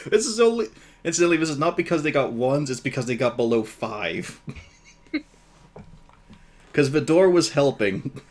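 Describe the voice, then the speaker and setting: A man's voice: on the high side, expressive, unhurried, pauses often, darkish tone. A man running a live tabletop role-playing game, narrating scenes playfully and laughing often. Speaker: game master.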